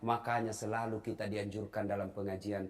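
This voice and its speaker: A man's voice: on the low side, fairly quick. A man giving a humorous sermon to young people, joking and acting out little scenes for the audience. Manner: lively, joking, acts out phone calls. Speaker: preacher.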